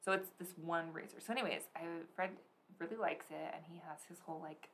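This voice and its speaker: A woman's voice: lowish voice, a little fast, fairly bright tone, a little hiss or hum. A young woman co-hosting a podcast, chatting casually and telling stories, full of "like" and "so anyways". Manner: chatty storyteller, lots of "like" and "so anyways". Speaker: podcast co-host. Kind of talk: casual chat.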